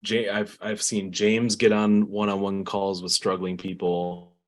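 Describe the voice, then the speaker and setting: A lower-voiced man co-hosting a podcast. He tells his story in a loose, conversational way and keeps affirming with steady yeahs. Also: a little slow. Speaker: podcast co-host. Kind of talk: casual podcast chat.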